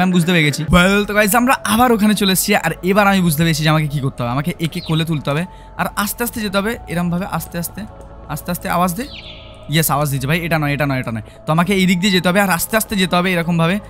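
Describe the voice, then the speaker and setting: Fast-talking excitable Bengali gamer. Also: male voice, high voice. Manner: excitable, chatty, mixes in English phrases, shouts when startled. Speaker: gaming YouTuber. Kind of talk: excited let's-play commentary.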